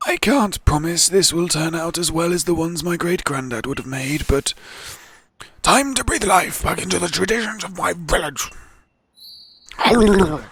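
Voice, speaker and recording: A man's voice: sits high, lively intonation, unhurried, fairly bright tone, husky, heavily acted. A man voicing a polite, old-fashioned village mayor with formal, apologetic phrasing, over faint game music. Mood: courteous. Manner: formal, courteous, put-on British phrasing. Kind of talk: reading game dialogue aloud.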